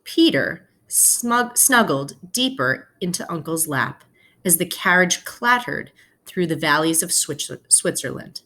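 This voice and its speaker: A teacher with a low-sitting, expressive, sharp-toned voice reads a children's picture book aloud to her students a little slowly. She explains things informally and phrases her words carefully.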